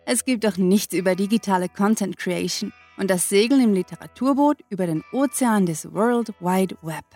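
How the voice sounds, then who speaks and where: A woman's voice: mid-range voice, moderate pace, warm tone. A woman hosting a podcast, reading a playful scripted announcement full of sailing wordplay. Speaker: podcast host. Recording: faint music behind.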